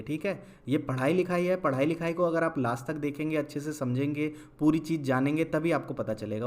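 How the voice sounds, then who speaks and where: A young man with a somewhat high voice leads a classroom-style lesson. He spells words out one syllable at a time in a drawn-out way and keeps asking questions that he then answers himself. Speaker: Hindi teacher.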